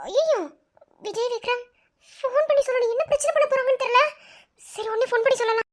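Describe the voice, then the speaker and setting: A woman's voice: very high-pitched, fast. A woman voicing an anxious young village wife with a Madurai Tamil accent in a cartoon, fretting and asking worried questions. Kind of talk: cartoon voice acting.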